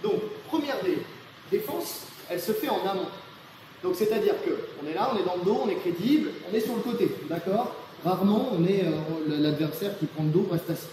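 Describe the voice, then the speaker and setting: A man's voice: high voice, expressive, a little fast. Man instructor in an echoing gym. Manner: explanatory, often checks with "d'accord?". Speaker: martial arts instructor. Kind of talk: technique demonstration. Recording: echoey hall with reverb and faint noise.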